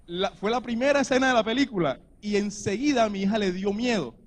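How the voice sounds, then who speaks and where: A man's voice: high voice, fast. A man with a Colombian Spanish accent preaching a sermon, earnest and building to emphatic exhortation.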